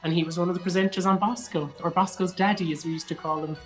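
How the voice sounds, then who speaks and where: Being interviewed in a casual, enthusiastic chat, this actor and artistic director of a theatre company hails from Cork, Ireland. He speaks fast in a high, fairly bright voice with fairly even intonation, over faint music on a low-quality recording.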